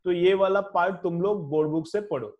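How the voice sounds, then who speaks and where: A man in his thirties with an Indian English accent, teaching physics to a class, dictating headings slowly and asking questions that he answers himself. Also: high-pitched, muffled recording.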